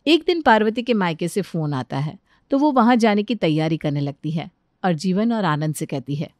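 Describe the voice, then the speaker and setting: Woman narrator, calm storybook read, dry close sound. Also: lowish voice, normal speed, no room sound. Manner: even, storytelling delivery.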